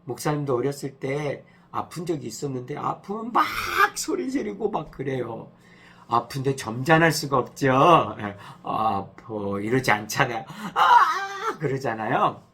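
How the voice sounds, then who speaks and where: A male pastor gently telling a story to children, acting out the cries. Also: medium pitch, lively intonation, moderate pace, slightly rough. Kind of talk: children's sermon.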